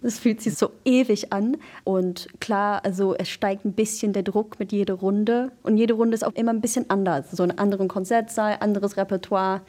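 A woman's voice: mid-range voice, steady tone, moderate pace, hardly any pauses, mellow. A woman, a first violinist in an interview, answering hesitantly and searching for words.

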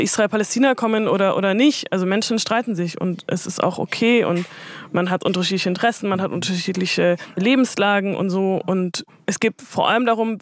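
A woman guest, a museum curator, speaking in a relaxed and thoughtful way in a radio interview. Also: mid-range voice. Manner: relaxed, thoughtful, often laughs softly.

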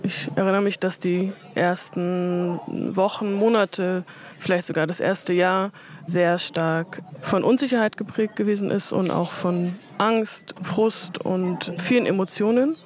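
A woman who grew up in Germany, giving measured, reflective answers in an interview. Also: on the low side, fairly even intonation, a little mellow, a little hiss or hum. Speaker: interview guest.

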